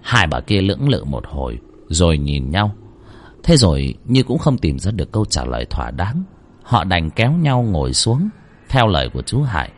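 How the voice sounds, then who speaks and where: A man's voice: sits low, big pitch swings, moderate pace, breathy edge. A man narrating a scripted horror story in a dramatic storytelling manner.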